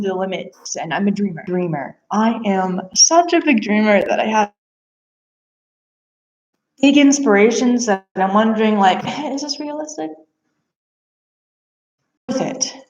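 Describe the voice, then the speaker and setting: A woman with a mid-range, somewhat dark voice talks casually and earnestly about herself in a rambling, introspective monologue. She was adopted from Bulgaria, where she is from, and hopes to become a therapist and psychic reader. The room is echoey and the sound slightly dull.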